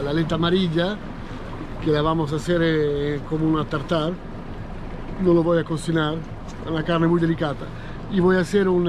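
A man's voice: a little high, background noise. A middle-aged man with an Italian accent, a chef talking casually about cooking fish, hesitant with many fillers, outdoors on a small boat at sea.

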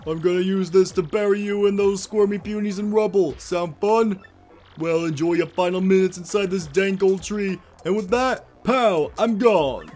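Man putting on a theatrical, menacing cartoon villain, loud and raised. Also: high-pitched, moderate pace, faint music behind, voice pushed up, natural voice. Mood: menacing, gloating. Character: boastful cartoon villain, gloating, scheming, theatrical. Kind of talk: acted video game dialogue voice-over.

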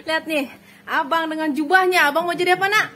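A woman's voice: extremely high pitch, fairly even intonation, quick pace, sharp tone, a little hiss or hum. A woman filming children for a family vlog, cooing, cheering and laughing often as she talks to them. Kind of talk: casual family vlog chatter.

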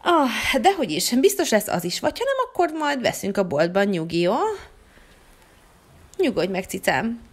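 A woman's voice: medium pitch, animated, breathy edge. A woman voicing a caring mother in a toy-figure story, fussy and admonishing. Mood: fussing.

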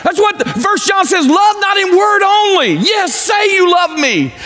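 A pastor in his forties preaching a sermon on a large church stage, pacing as he talks and swinging from loud to low. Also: big pitch swings, unhurried. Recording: echoey church hall.

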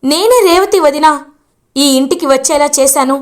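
A woman voicing an earnest young wife who calmly pleads and explains. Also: high-pitched, moderate pace, close to an everyday voice.

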